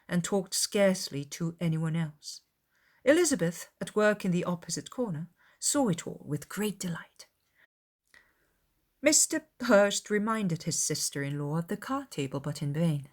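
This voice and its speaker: An audiobook narrator with a fairly low-pitched voice, a woman, reads scripted literary narration in a measured, formal storytelling style.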